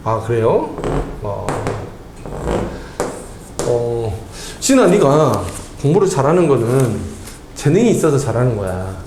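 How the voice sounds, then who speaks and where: A man's voice: mid-range voice, dark tone, slight background noise. A man tutoring math, quizzing his student with constant tag questions and chatting casually between problems. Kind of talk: tutoring lesson with casual chat. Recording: echoey room.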